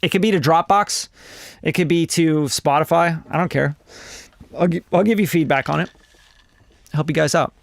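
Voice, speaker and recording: A gravelly, slightly high voice at a moderate pace, broken by long pauses and free of room sound, belongs to a music producer in his forties from Costa Rica. On his livestream he reviews songs in a blunt, rambling manner, swearing as he goes.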